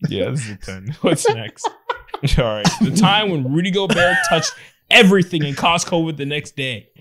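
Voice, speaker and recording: A man's voice: fairly high pitch, expressive, normal speed, a bit bright. A man co-hosting a casual sports podcast, boisterous and profane, laughing often. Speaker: podcast co-host.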